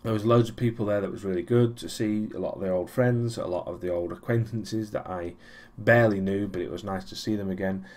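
A man's voice: lowish voice, steady tone, a little fast, hardly any pauses, darkish tone. A young man giving a casual weekly vlog recap, rambling with many ums and restarts and a dry, sarcastic streak. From Europe. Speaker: vlogger.

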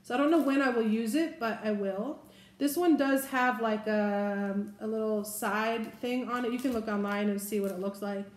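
Here a woman in her forties shows off her haul at a table, chatting loosely to a camera a table's length away. She speaks at a moderate pace in a fairly high voice, with echo from the indoor room.

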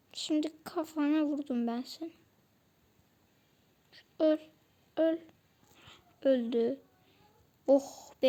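High, slow-talking mellow gameplay commentator. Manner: chatty, talks to viewers while playing, grumbles about weapons. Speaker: mobile game player and channel host.

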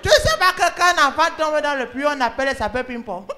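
A woman with a Cameroonian French accent playing an excitable, scolding female emergency call operator in a comedy sketch, talking to callers on the phone. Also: high voice, brisk, background noise. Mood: bossy. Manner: scolding, excitable, often laughing and shouting. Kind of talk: comic sketch, one side of phone calls.

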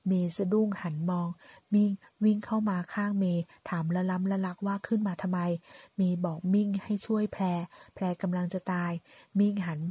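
A woman narrating a drama story in a steady storytelling voice, voicing every part herself. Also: mid-range voice, moderate pace, husky, dry recording. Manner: reads all parts in one voice, quoting lines with light shifts.

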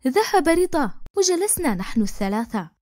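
A woman's voice: high voice, moderate pace, dry recording, clean studio sound. Woman narrating a spooky story. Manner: steady storytelling with spoken dialogue. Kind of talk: scripted narration.

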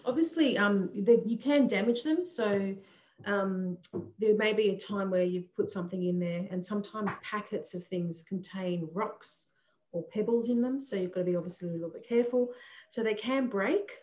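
A woman's voice: mid-range voice, normal speed, darkish tone. A woman in casual chat, answering viewer questions with friendly explanations full of ums. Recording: roomy sound.

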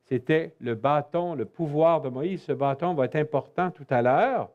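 A man's voice: on the high side, moderate pace, phone-quality sound. A male priest with a Canadian French accent preaching a sermon in a church, emphatic with folksy asides to his listeners. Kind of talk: sermon on scripture.

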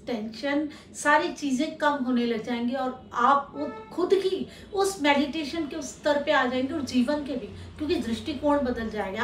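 High-voiced woman giving spiritual advice. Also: distant mic, a little hiss or hum. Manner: calm, advising, addresses the listener directly. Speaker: spiritual teacher and healer. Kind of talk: instructional talk to camera. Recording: echoey room, voice a little off-mic.

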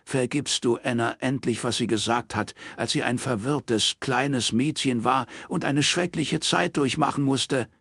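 A man reading aloud, voicing a cold, composed woman who speaks in an icy, measured way. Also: mid-range voice, gravelly, fairly bright tone, husky, no echo, clean studio sound, pitched above the performer's own voice, heavily acted. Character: cold, composed woman confronting her father-in-law.

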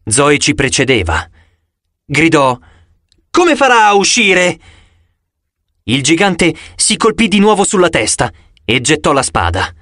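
A man's voice: a little high, measured pace, no echo. Male audiobook reader, dramatic delivery, dry close sound. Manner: dramatic, expressive reading with sudden loud cries. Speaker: audiobook narrator. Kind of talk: scripted audiobook narration.

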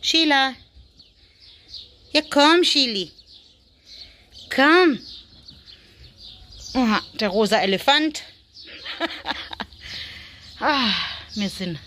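A woman's voice: sits high, lively intonation, very slow, long pauses, pushed and bright. A German woman vlogging casually on a small farm, chatting and cooing at her animals and kids. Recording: faint farmyard noise, chickens.

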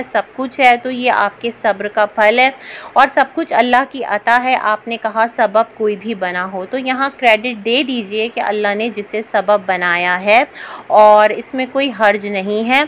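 A woman with a somewhat high voice talks through a reaction vlog. She is chatty and opinionated, with frequent hesitant fillers between her points. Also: a bit bright. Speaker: YouTube reaction commentator.

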